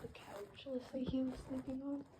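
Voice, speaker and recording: A woman's voice: high-pitched, normal speed, noisy background. A woman improvising a listener role-play story at home into a phone, rambling with many fillers and sometimes dropping into a whisper. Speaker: voice actor.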